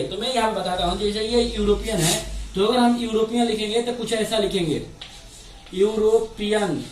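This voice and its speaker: A man teaching grammar at a board, explaining patiently. He repeats each point and asks his students questions out loud. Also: high-pitched. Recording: roomy echo from a distance, faint background noise.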